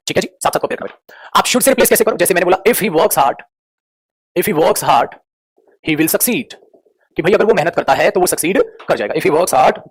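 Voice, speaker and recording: A man's voice: on the high side, slightly rough. A man teaching an English grammar lesson to students, affectionate and coaxing, often calling them his children. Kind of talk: online classroom lesson.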